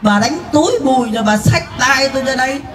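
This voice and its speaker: A woman's voice: high voice, fast, roomy sound, crowd noise, noisy background, natural voice. A woman playing a teasing male neighbor who mocks the wife's drinking husband in a live comedy skit. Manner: dry, teasing, mocking.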